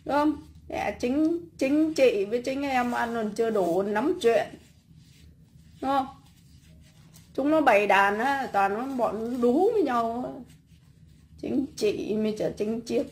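A blunt, scornful woman rants on a casual livestream from her home. Her voice sits a little high, and she stumbles over repeated fillers while she works on cakes in her kitchen. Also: slow, pauses often, darkish tone. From Vietnam.

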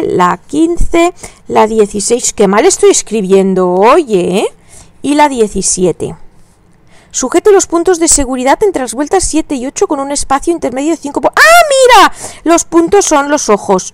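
Chatty high-voiced woman crocheting. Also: no echo. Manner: chatty, counts stitches aloud, sudden bursts of high laughter. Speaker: crochet channel host. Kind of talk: casual crochet-along chat.

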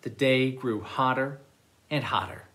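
A children's librarian reads picture books aloud at storytime, his medium-pitched voice animated and expressive. He takes his time, never rushing.

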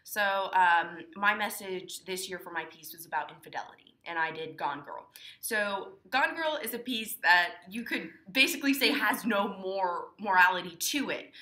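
A teenage girl with a bright, forceful voice talks through her speech-team event in a loose, chatty way. She fills her sentences with ums and likes. The room gives her voice a noticeable echo. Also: on the low side. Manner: chatty, many fillers like um and like. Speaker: student competitor explaining dramatic interpretation. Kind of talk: casual instructional talk.

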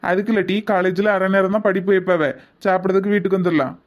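A woman's voice: medium pitch, fairly even intonation, fast, lightly acted. A woman voicing an exasperated middle-aged village husband in a cartoon comedy, brusque and weary.

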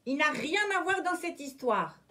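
A cheeky storybook boy who can fly, sure of himself and quick to give orders, as a woman reading aloud plays him. His voice rises and falls in lively swings. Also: high voice, pitched above the performer's own voice, heavily acted. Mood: commanding.

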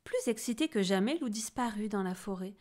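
A woman's voice: medium pitch, expressive, a little fast, a little mellow. A woman reading a children's picture book aloud, narrating expressively and doing the voices. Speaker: storybook reader.

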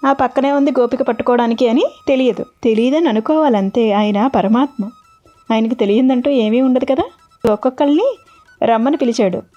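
High-voiced woman telling a devotional story. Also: fairly quick, lo-fi sound, soft background music. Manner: animated, expressive retelling.

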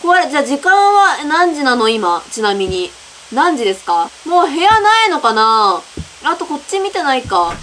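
A young woman playing a horror game and commenting on it, excitable and quick to shriek when scared. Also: high voice, slight background noise, low-quality recording. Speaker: gaming YouTuber.

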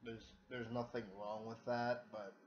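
A man's voice: mid-range voice, little pitch movement, measured pace, highs cut off, slight background noise. A man hosting a reaction livestream, exasperated, swearing often and laughing in disbelief. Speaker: livestream host.

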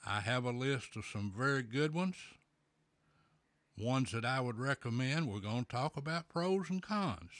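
Slow folksy man talking around a pipe. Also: medium pitch, fairly bright tone, no room sound. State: pipe in mouth. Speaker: podcast host. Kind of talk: casual solo talk.

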